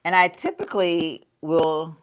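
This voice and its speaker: A woman's voice: sits low, animated, unhurried. A middle-aged woman chatting casually on a get-ready-with-me livestream, calling her viewers y'all and laughing often as she talks through her makeup. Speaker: beauty vlogger. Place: home.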